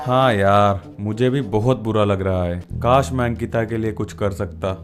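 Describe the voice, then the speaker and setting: A man's voice: fairly low pitch, normal speed, background noise, close to an everyday voice. A man voicing an earnest, determined young man in love in a cartoon. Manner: earnest, pleading.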